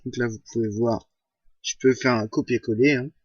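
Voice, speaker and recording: A man giving a screen-recorded software tutorial, hesitant, with many fillers and self-corrections. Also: mid-range voice, steady tone, moderate pace, husky, no room sound, dull audio.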